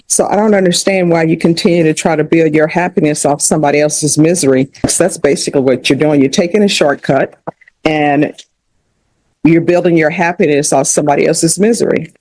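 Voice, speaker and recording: A woman judge speaking firmly and deliberately at a courtroom sentencing. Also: sits low, steady tone, darkish tone, no echo, low-quality recording. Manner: firm, measured, questioning.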